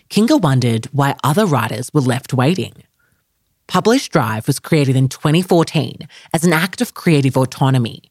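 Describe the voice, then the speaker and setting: A woman's voice: extremely low pitch, dry recording, studio quality. A young woman hosting a podcast interview, upbeat and effusive, chatting casually with plenty of fillers. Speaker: podcast host.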